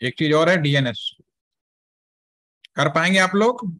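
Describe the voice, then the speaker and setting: Here the same kind of networking class is taught by a man whose slightly high voice sounds pushed and bright, expressive, and slow-paced. Demonstrating software in the classroom, he walks through each step chattily, drops in English terms, and stops to ask students questions that check they're keeping up.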